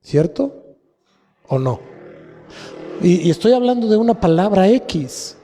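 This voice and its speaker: A man's voice: sits high, sing-song, slow pace, mellow. A man with a Mexican Spanish accent preaching a sermon as pastor, asking the congregation rhetorical questions. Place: church hall. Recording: long hall reverb.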